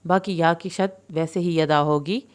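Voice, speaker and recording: A woman with an Urdu accent teaching tajweed, alternating clear explanations with slow, drawn-out recitation. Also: lowish voice, steady tone.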